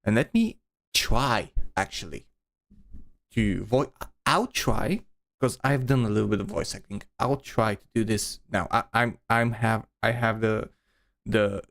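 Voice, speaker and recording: A man's voice: lowish voice, expressive, measured pace, creaky, fairly bright tone. A man streaming, giving rambling casual commentary with many restarts and repeated words.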